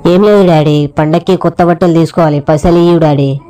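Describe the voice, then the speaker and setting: Woman doing a cheeky crude telangana lad, lowish voice, bickering and begging, faint hiss behind. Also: fairly even intonation, fairly quick, natural voice. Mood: wheedling. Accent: Telangana Telugu. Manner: crude bantering, wheedling. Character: cheeky young man, crude joker.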